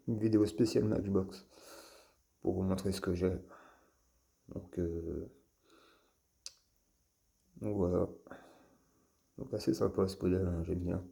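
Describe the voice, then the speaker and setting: Male vlogger, gravelly, dark-toned voice, unhurried, hesitant delivery while presenting toy finds. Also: deep voice. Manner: halting, with frequent fillers and restarts. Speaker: toy car collector and channel host. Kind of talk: casual show-and-tell vlog.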